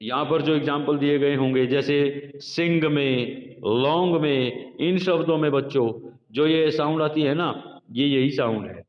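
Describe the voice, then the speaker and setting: A man teaching a phonetics lesson to a class, speaking slowly and repeating sample words for his students. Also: a little high. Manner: slow, repetitive, addresses students as children. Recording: echoey lo-fi room recording.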